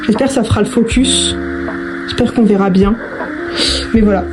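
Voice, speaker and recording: A woman hosting a craft tutorial video chats casually with viewers while she works, her voice medium in pitch and moderate in pace. She's hesitant, often repeating herself or trailing off, and background music plays.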